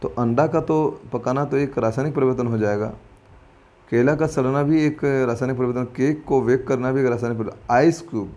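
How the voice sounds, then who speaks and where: A male teacher works through exam questions in a chatty, informal way. He talks to viewers like friends, thinks out loud and corrects himself as he goes. He drops English terms into his explanations, in a voice of middling pitch. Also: fairly quick. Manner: thinks aloud and corrects himself mid-answer. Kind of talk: exam-prep lesson walking through quiz questions.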